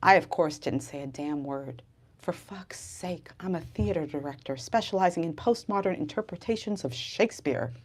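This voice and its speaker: With a lowish voice at normal speed, an American woman reads expressively from her novel and talks about it. Her manner is dramatic and emphatic, and the setting is a live bookstore event.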